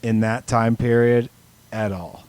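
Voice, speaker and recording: Chill dude cohost, laughs a lot, clean dry mic. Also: male voice, mid-range voice, fairly even intonation, measured pace, a little mellow, clean tone, dry recording. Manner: laid-back, laughs often, says "dude". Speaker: podcast co-host. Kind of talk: casual chat. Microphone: studio microphone.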